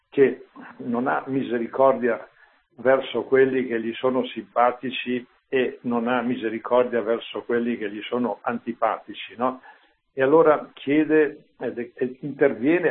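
Man, priest, conversational homily, rhetorical asides, gravelly, thin phone-like sound. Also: mid-range voice. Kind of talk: Bible commentary, homily. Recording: tinny phone-like line.

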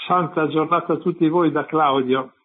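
A man's voice: on the high side, steady tone, moderate pace, slightly rough. A man, a parish priest, preaching and scolding listeners on a religious radio show. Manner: exhorting, scolding, addresses listeners directly. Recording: narrow phone-like radio sound.

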